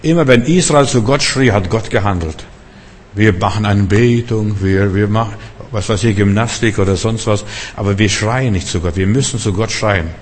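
A man preaching a sermon, emphatic and repetitive, rising to fervent shouts. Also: on the low side, normal speed, a little hiss or hum. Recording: long church-hall reverb.

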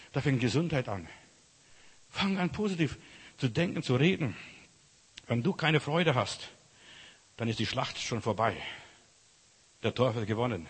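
A man preaching a lively sermon, swinging from loud cries to quiet asides. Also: medium pitch, husky. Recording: echoey hall reverb.

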